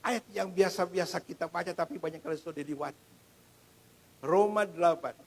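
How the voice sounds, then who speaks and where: A middle-aged male pastor preaching a sermon in a church, swinging between loud proclamation and hushed storytelling. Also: high voice, a little fast, low-quality recording. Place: church sanctuary.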